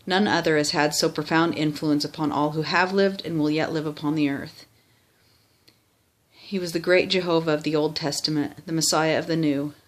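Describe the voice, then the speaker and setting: A medium-pitched voice recites a religious text by rote. The delivery is that of formal memorized recitation. Now and then a word slips and gets corrected. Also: little pitch movement, moderate pace. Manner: formal recitation with small stumbles and self-corrections.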